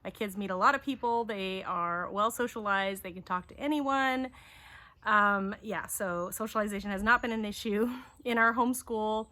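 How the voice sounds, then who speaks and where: Bright-voiced woman chatting outdoors. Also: medium pitch, normal speed. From Taiwan. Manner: chatty, answering questions in turn. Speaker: homeschooling YouTube host. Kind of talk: casual chat.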